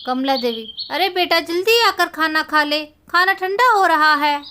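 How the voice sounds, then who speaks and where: A woman's voice: very high voice, lively intonation, unhurried, bright, forceful tone, slight background noise, heavily acted. A woman voicing a busy village mother who hurries her children along. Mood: hurried. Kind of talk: storybook voice acting.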